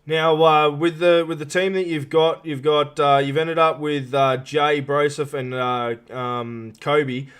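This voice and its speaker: A man with a clean, smooth voice on the higher side hosts a live interview show. He talks informally and matily, often pausing as he builds each question. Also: little pitch movement, fairly bright tone. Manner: matey, informal, halting questions. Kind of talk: casual live interview hosting.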